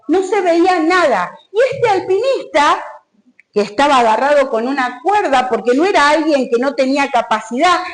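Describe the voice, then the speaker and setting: A woman's voice: very high voice, rough recording. A woman pastor with a Rioplatense Spanish accent, preaching a sermon and acting out a story with dramatic rises. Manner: preaching with rising exclamations and dramatic retelling.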